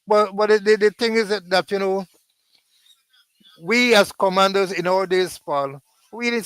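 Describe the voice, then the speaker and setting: A man's voice: high-pitched, a bit bright, smooth, no echo, rough recording. An older former police commander, insistent and stammering as he talks. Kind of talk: casual chat.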